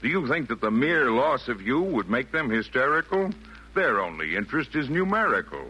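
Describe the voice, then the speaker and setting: An actor playing a wise, jolly yet firm old Santa, speaking eloquent rhymed verse in a theatrical 1940s radio style. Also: male voice, mid-range voice, sing-song, moderate pace, sharp tone, husky, heavily acted. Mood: reasoning. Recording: noisy vintage 1940s radio broadcast.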